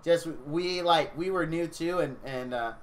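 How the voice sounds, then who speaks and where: A man's voice: on the high side, unhurried, a little hiss or hum. A tired man streaming a video game, chatting casually and rambling to his viewers. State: tired, yawning.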